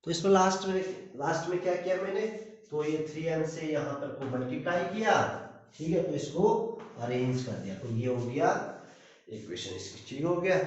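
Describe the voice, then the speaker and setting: A man's voice: fairly high pitch, a little mellow. A man teaching a maths lesson, who keeps asking rhetorical questions and repeating that his students should pay attention. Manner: asks rhetorical questions, repeats "dhyan dena"; slow, drawn-out explaining. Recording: echoey room, distant dull mic.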